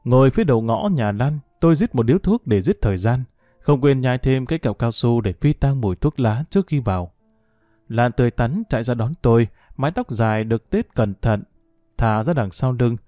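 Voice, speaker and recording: A man narrating a first-person audio story in a measured, reflective, melancholy way. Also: mid-range voice, lively intonation, mellow, dry recording, clean studio sound, soft background music.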